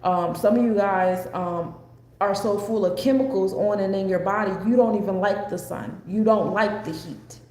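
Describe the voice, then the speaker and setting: A woman's voice: medium pitch, normal speed, a little mellow. Rambling American woman lecturing casually, echoey room. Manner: rambling, conversational, digressive teaching. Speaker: astrology forecast presenter. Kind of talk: casual livestream lecture, unscripted. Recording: echoey room with faint background noise.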